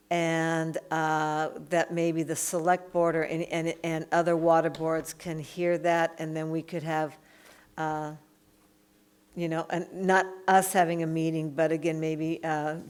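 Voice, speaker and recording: Low-voiced woman chairing a board meeting. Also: darkish tone, clean tone. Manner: halting, restarts while thinking aloud. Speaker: selectboard chair. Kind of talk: town board meeting discussion.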